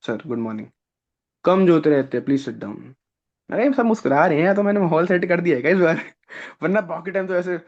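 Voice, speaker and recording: A young man, a guest on an interview show, telling animated stories and acting out other people's lines. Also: on the high side. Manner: lively, acts out other people's lines, laughs often. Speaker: guest, defence-services aspirant. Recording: slightly dull, lo-fi audio.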